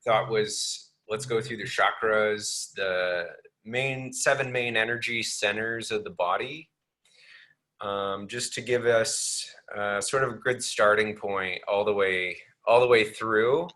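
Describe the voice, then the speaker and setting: A man leading a guided meditation in a gentle, unhurried way, with frequent ums. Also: fairly low pitch, steady tone.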